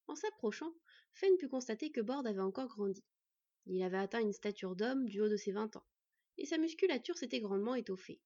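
Husky woman narrating a fantasy story. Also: on the high side, animated, a little fast, mellow. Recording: dull lo-fi recording.

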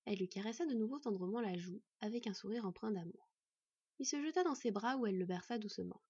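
A woman reading a fantasy storybook aloud in measured, gentle narration. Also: medium pitch, animated, slightly rough, no room sound, dull audio. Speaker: audiobook narrator.

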